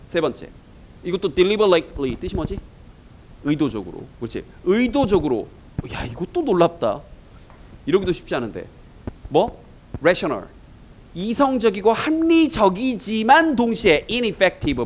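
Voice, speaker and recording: Animated male English exam teacher. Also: high voice, low-quality recording. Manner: animated, rhetorical questions to students. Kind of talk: exam-prep lecture.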